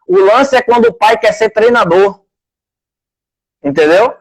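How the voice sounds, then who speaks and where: A man with a noticeably high-pitched voice and a Brazilian Portuguese accent, talking as a sports coach in a live interview. He is earnest and conversational, and he slips into the voices of the people in his stories as he tells them. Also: lively intonation, a little slow, low-quality recording. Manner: earnest, conversational, acts out quoted speech. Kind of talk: live interview, telling anecdotes.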